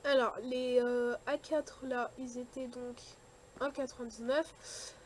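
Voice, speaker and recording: Young woman vlogging her haul, lots of euh and restarts, bit high voice, faint hiss behind. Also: flat delivery. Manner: chatty, many fillers and restarts, quick likes and dislikes. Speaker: vlogger showing a shopping haul. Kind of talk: casual chat.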